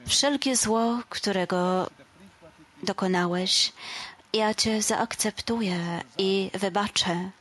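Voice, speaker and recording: A woman voicing a kind male Jesus who speaks softly and reassuringly to a child in a told story. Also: mid-range voice, slow pace. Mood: gentle.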